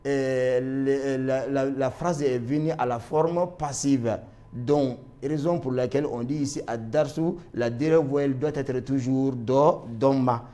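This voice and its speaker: A man's voice: medium pitch, warm tone. A man with a Malian French accent teaching a grammar lesson, repeating his points with many fillers and switching between two languages. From Mali.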